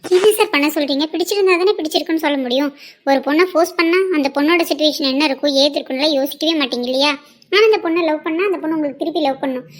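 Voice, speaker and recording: Woman doing a cartoon drama's earnest young heroine: high, quick, pleading. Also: lightly acted.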